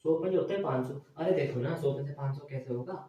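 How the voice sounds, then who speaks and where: A male math teacher lecturing in a classroom style, asking his students questions and answering them himself, often checking with a quick "okay". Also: medium pitch, warm tone, lo-fi sound. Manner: repeats "theek hai" as a check. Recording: very echoey room, mic far away.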